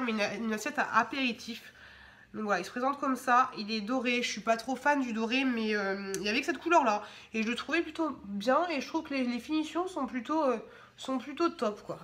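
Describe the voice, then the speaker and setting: A young woman vlogs her shopping haul from home, stuffy with a cold, chatting casually with many fillers and restarts. She speaks with a fairly high, slightly bright voice.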